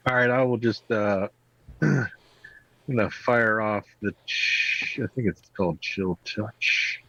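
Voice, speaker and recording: A man works through his game turn with hesitant pauses, counting out his movement aloud. His voice is low, gravelly and husky. The mic sounds dull and lo-fi. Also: bright, forceful tone. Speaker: player.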